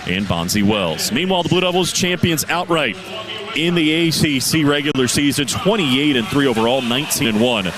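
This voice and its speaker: Over a noisy background, a man with a medium-pitched, animated voice talks at a moderate pace. He's the radio play-by-play announcer for a basketball game, running through lineups and statistics from the arena during the pregame broadcast.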